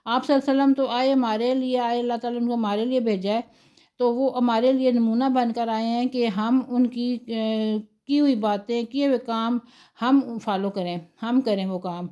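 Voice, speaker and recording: Brief: middle-aged woman home-cooking vlogger, raised pitch, mellow tone, rambling and chatty. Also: fairly even intonation, lo-fi sound. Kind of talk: casual vlog chat over footage.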